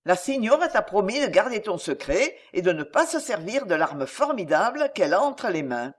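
Woman voicing a fiercely jealous noblewoman; cold, intense, menacing, pitched high. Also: big pitch swings, normal speed.

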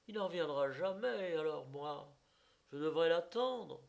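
A man's voice: on the high side, animated, gravelly, muffled recording, voice pushed up. A man putting on a petulant young beauty. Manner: capricious, quick to take offence. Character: young pretty woman, flighty and petulant. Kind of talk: audiobook character voice.

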